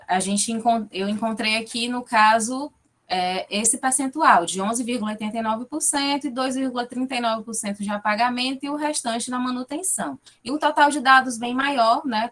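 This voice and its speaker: A woman's voice: a little high, a bit bright. A woman with a Fortaleza accent giving an academic presentation over a video call, explaining her research findings and checking in often with her listeners. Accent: Fortaleza, Ceará. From Fortaleza, Brazil. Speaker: guest lecturer, linguistics researcher.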